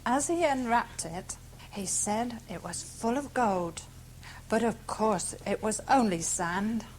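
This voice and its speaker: A woman's voice: a little high, takes it slowly, low-quality recording. A woman tells a reminiscence as a local resident. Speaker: local resident recalling memories. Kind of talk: storytelling reminiscence. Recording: amateur 1985 tape, faint noise.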